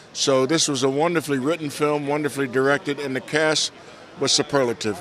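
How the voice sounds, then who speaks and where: An older American man, a guest at an outdoor event, telling animated anecdotes and acting out the voices in a relaxed interview. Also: mid-range voice. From United States. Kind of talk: casual storytelling interview.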